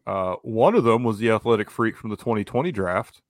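Male sports panelist, fairly low voice, conversational delivery, dry sound with little room. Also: lively intonation, fairly quick, dry recording. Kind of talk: casual sports chat.

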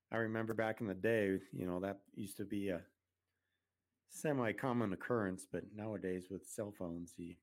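A man co-hosting a podcast, relaxed and wry in casual chat. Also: fairly low pitch, moderate pace. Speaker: podcast co-host.

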